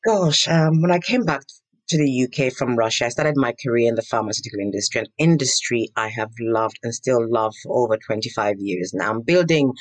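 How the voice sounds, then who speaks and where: A woman's voice: rumbling low, a little fast, no room sound. A woman in her fifties from Nigeria answering interview questions in an earnest, emphatic, reflective way. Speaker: guest, pharma entrepreneur.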